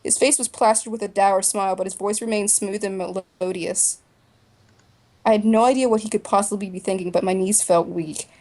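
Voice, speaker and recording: A woman narrating a story in the first person for a voice drama, in a plain, even way. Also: medium pitch, a little fast. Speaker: narrator and main voice actor.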